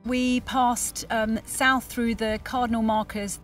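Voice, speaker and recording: Recorded outdoors on a camera at a harbour and aboard a sailboat, a woman in her forties presents a sailing vlog in a casual, chatty style. Her voice is a little high, with a flat, slow delivery. The distant mic picks up noisy boat ambience and soft background music.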